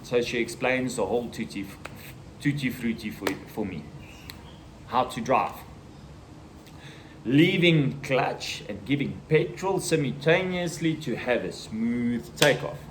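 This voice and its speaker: A South African man in his thirties telling a personal story in a casual vlog, acting out the voices and the shouting. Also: mid-range voice, animated, unhurried, background noise. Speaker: vlogger.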